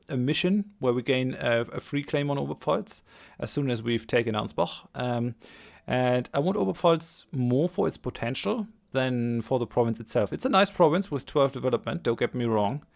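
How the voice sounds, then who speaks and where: Stuffy-nosed and congested from a cold, this gaming channel host speaks in a mid-range voice with vocal fry. He hosts let's play commentary hesitantly, repeating phrases to emphasize them.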